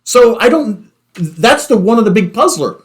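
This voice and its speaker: A man with a distinctly high-pitched voice leads an informal discussion. He explains and recaps conversationally, like a host chatting with colleagues. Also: very animated, moderate pace. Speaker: podcast host. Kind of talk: casual chat and explanation.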